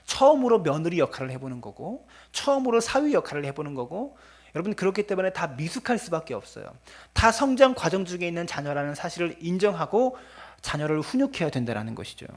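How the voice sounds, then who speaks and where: A pastor delivers an earnest sermon in a husky, slightly breathy voice pitched a little high for a man. He speaks straight to the congregation with a preacher's cadence. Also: sing-song, fast talker. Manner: earnest preaching, acts out scolding parents in quoted lines; addresses the congregation often.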